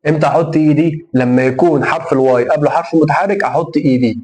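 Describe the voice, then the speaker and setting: A man's voice: fairly high pitch, fast talker, darkish tone. A young man with an Egyptian Arabic accent, teaching English grammar to middle school students. He repeats each rule and asks "okay?" before answering it himself. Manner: repeats rules and asks himself questions like tamam? then answers.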